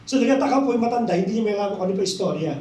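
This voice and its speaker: A Filipino-accented man preaching a sermon in a high, mellow voice. He tells a story and drops into slow, emphatic phrases to stress key words. The sound is roomy and picked up from some distance across a church hall. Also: lively intonation, slight background noise. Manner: mixes English into Tagalog, slows for emphasis. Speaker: pastor. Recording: echoey room, mic at a distance.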